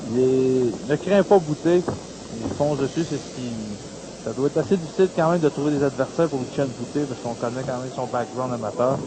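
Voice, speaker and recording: A man of medium pitch works as a boxing colour analyst. He comments conversationally, and the broadcast recording has clear hiss and noise. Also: a little fast.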